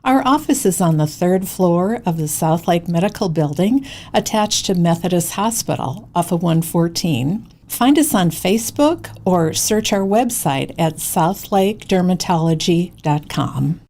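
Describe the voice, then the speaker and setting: Woman, lowish pitch, scripted informational ad announcer. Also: expressive, a little slow, mellow. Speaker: advertisement announcer.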